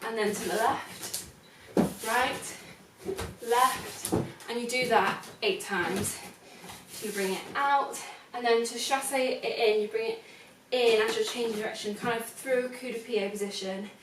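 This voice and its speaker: A young woman leads a ballet class, calling counts as she dances the steps and apologizing in quick asides. Her voice sits a little high and unhurried, picked up from across a room with a hard floor. The sound is roomy and echoey with steady noise behind it. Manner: counts out beats while demonstrating steps; apologetic asides while dancing. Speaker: ballet teacher. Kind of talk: online dance class instruction. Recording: echoey room, voice from far off, noisy.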